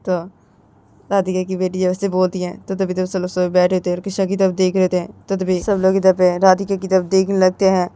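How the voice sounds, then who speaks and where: A woman's voice: lowish voice, monotone, a little fast, few pauses, dark tone, clean tone. A woman narrating a family romance story in a casual, rambling way, chaining events with repeated linking words.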